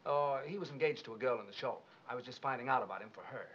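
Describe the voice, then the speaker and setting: A man playing a brisk entertainer. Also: mid-range voice, fairly bright tone, lightly acted. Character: breezy American song-and-dance man. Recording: dull, hissy 1950s film soundtrack.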